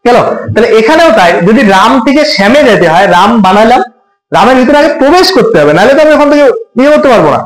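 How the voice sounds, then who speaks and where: A man teaches a computer class in a very high voice, chatting casually and firing questions at the students. His voice bounces around an echoey room. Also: sing-song, fast talker. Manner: colloquial, asks students questions often. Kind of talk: classroom lesson with everyday examples.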